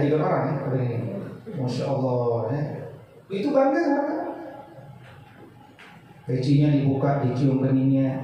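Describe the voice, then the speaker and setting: A man from North Sumatra giving a religious lecture, animated and often asking the audience rhetorical questions. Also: mid-range voice, highs cut off. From North Sumatra, Indonesia. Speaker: Islamic teacher giving a study session. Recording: echoey hall, mic far off, faint noise.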